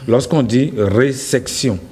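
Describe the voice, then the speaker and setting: A man on a morning TV show, explaining French pronunciation slowly and carefully, repeating his example phrases. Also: mid-range voice, dark tone, slightly rough. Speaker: French language expert guest.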